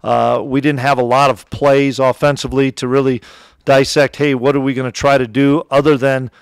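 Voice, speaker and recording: A middle-aged man with an Upper Midwest American accent, a head football coach answering press questions after a game in a relaxed, plainspoken way, with many fillers and restarts. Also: medium pitch, moderate pace, clean tone, no echo, studio quality. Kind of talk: postgame press conference answers. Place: press room in front of a sponsor backdrop. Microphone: table mic close in front.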